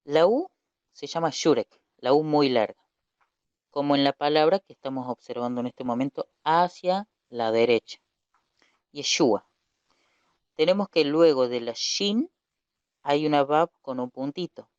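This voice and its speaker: A man's voice: a little high, animated, a little slow, long pauses, darkish tone, smooth, dry recording. A man teaching a recorded Hebrew lesson, explaining patiently, repeating key points and correcting himself as he goes. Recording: dull lo-fi dry recording.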